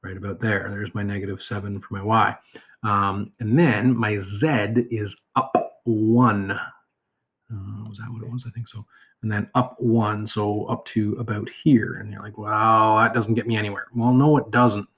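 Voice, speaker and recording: A man's voice: on the low side, fairly even intonation, measured pace, husky. A male math teacher giving a casual recorded lesson from home, rambling with many fillers and asides. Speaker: high school math teacher. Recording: tinny phone-like audio.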